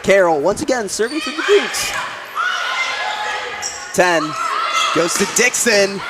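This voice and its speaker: A man calling a high school volleyball game play by play, with rapid excited calls that often rise to a shout. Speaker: play-by-play announcer. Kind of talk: live volleyball commentary. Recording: distant mic, loud crowd and gym noise.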